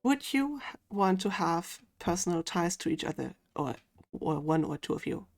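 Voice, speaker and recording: A woman, running a tabletop game as game master on a stream, quick and chatty with frequent laughs. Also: lowish voice, big pitch swings, creaky.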